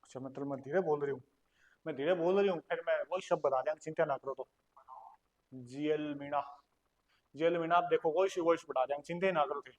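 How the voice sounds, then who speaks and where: A man's voice: a little high, a little fast, long pauses. A man with a Rajasthani accent teaching an online class, repeating key points and quizzing his students with questions he answers himself. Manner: folksy dialect asides and jokes. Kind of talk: online exam-prep lecture.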